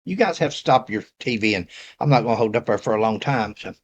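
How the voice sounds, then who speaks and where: Male host, Appalachian accent, folksy rambling delivery, medium pitch, casual chat to an online audience. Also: animated, quick pace, lo-fi sound. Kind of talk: casual talk to viewers, reading messages aloud.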